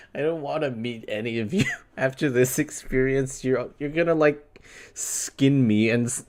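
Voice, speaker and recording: A man in his twenties from New York, wryly rambling as he reads and answers chat on a live stream. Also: mid-range voice. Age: 20s. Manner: wry, rambling, reads chat aloud and reacts.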